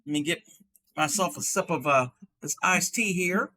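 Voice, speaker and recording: A man playing a chatty ninety-year-old grandmother who hosts a livestream, rambling folksily and halting with fillers. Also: fairly high pitch, pushed and bright. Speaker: livestream host showing crochet. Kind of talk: in-character livestream chat.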